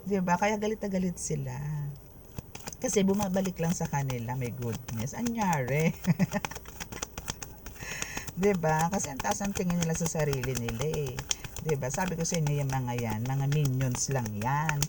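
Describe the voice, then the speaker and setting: Expressive tarot reader. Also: mid-range voice, fairly quick, noisy background. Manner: mixes Tagalog and English, keeps adding "no?" after phrases; expressive, laughing and exclaiming. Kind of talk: tarot reading for viewers.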